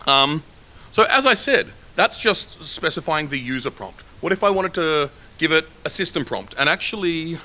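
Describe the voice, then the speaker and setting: A man's voice: on the high side, animated, normal speed, bright, forceful tone. A man teaching a live coding workshop in a casual, joking way with rambling asides. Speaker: workshop instructor.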